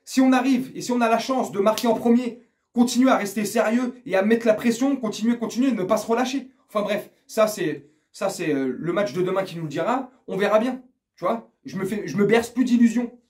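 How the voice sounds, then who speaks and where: An older man with a high-pitched voice talks casually straight to the viewer. He rambles from point to point, swears freely and throws in crude jokes along the way. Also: a little fast, a little mellow. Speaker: football fan vlogger. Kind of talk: casual pre-match chat to camera.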